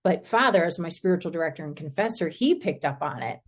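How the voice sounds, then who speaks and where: A woman sharing a personal faith story in a group discussion, earnest and halting, often breaking into laughter. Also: lowish voice, lively intonation.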